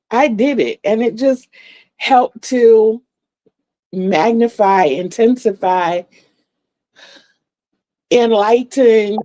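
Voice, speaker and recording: A woman in her sixties livestreams casually to viewers from a home room lit by a floor lamp, laughing often and repeating words. Her voice is a little high and warm, and the recording is dry.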